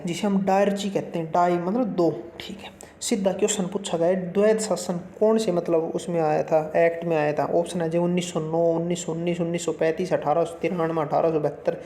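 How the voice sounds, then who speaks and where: This exam-prep lesson comes from a man whose warm, mellow voice is high-pitched and brisk, with a slight hiss or hum and a roomy echo in the recording. Chatting in a folksy way, he addresses the viewer as "brother" and blends Hindi with English terms.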